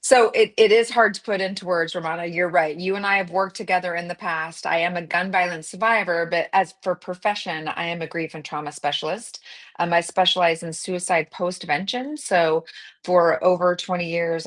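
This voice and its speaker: A woman co-hosting a webcast, a grief and trauma specialist speaking earnestly with soft fillers. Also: fairly low pitch, steady tone, moderate pace. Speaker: co-host, trauma therapist. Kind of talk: conversational interview.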